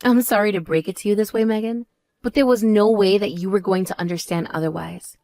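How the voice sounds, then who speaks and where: A woman voices a calm, married older sister in a voiced text story. She is measured and a little patronizing, and her tone still moves a lot. The recording is dry and close. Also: medium pitch, dry recording, voice pushed down, lightly acted. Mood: firm.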